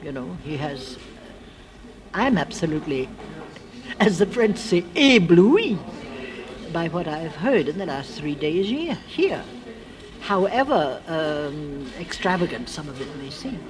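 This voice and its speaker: A very old woman from the United States speaking in a reflective literary interview, halting and sometimes losing her thread. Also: low voice, lively intonation, crowd noise. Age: elderly, very old. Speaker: interviewee, friend of the writer discussed. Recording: clearly noisy archive interview recording.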